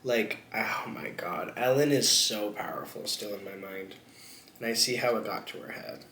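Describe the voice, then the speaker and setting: A man's voice: lowish voice, normal speed, pushed and bright. A young man chatting casually while eating on camera, rambling and crude with lots of jokes. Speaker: mukbang vlogger. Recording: echoey room with faint background noise.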